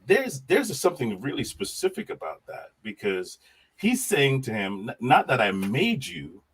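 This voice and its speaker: On a podcast, a middle-aged Jamaican guest speaks casually about his life and faith in a mid-range, slightly rough voice at a moderate pace. His delivery is animated, with repeated words and frequent laughter.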